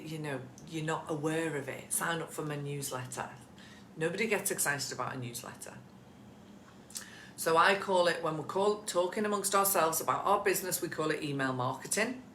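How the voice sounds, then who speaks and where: A woman's voice: on the low side, a bit bright, reverberant, a little hiss or hum. A woman coaching photographers in a casual live session from home, chatty and encouraging, addressing viewers by name. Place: at home with pets nearby.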